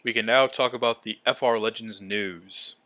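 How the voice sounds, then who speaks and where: A man's voice: on the low side, steady tone, moderate pace, pushed and bright. A man hosting a casual podcast, rambling loosely with lots of fillers. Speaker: podcast host. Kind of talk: casual chat about racing.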